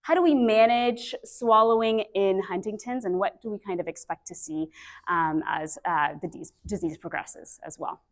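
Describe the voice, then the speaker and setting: Speaking into a handheld or stand mic that gives feedback, this woman in her thirties, a speech-language pathologist from Canada, delivers a conference talk in a breakout room. She's lively and chatty with plenty of fillers, using a mid-range voice at a moderate pace.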